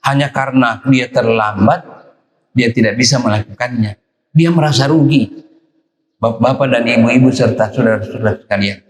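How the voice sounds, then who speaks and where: A man's voice: medium pitch, moderate pace. A man preaching at a dawn mosque gathering in an emphatic manner, often repeating his phrases for weight. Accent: Indonesian. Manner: emphatic, repeats phrases, acts out quoted voices. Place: mosque prayer hall. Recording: echoey hall reverb.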